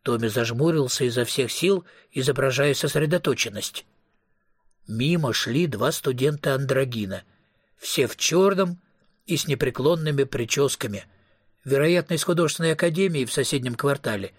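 A man narrating a novel as an audiobook reader, in an even, wry storytelling manner. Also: mid-range voice, normal speed, breathy edge, no room sound, clean studio sound.

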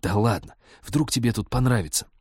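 A man voicing a sly, flirtatious male pilot in a storybook reading, speaking low and smooth. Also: fairly quick, no echo, clean studio sound, natural voice. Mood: coaxing.

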